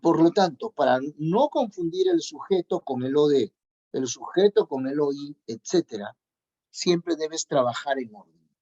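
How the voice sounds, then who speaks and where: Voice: mid-range voice, very animated, unhurried, warm tone. Repetitive lecturing teacher, lo-fi sound. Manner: repeats key points for emphasis; checks in with students. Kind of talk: grammar lesson lecture. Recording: dull lo-fi recording.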